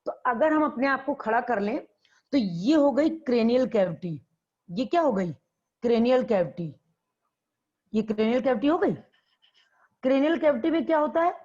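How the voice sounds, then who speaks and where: A woman's voice: fairly high pitch, moderate pace, pauses often, a little mellow. Woman biology teacher with a dull lo-fi sound. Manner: repeats key terms and quizzes students. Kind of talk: classroom lecture. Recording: dull lo-fi classroom recording.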